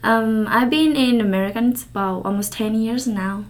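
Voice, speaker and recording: A young Thai woman whose native language is Karen answers an interview's questions in halting English, frequently pausing as she searches for words. Her voice sits on the high side.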